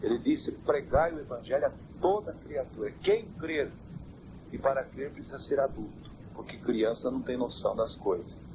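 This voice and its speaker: Heard on a hissy, worn-out old cassette, a mid-pitched man who serves as a church elder answers interview questions in a measured, sermon-like way.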